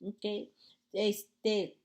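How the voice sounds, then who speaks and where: A woman's voice: medium pitch, flat delivery, drawn-out words, a little mellow. Woman preaching and reading scripture. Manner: reads aloud with stumbles and restarts, addresses "hermanos".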